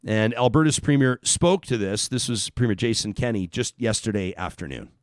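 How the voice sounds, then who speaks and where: Animated Canadian male talk host. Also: on the low side, normal speed, no echo, studio quality. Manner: animated, sarcastic, swears casually. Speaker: radio host. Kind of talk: opinionated talk radio monologue.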